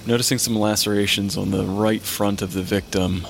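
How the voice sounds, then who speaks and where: Tired medical examiner in an audio drama, lowish blunt voice, bit of ambient noise. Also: male voice, steady tone, normal speed, vocal fry. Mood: focused. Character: blunt, weary male medical examiner who sees ghosts. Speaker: pathologist.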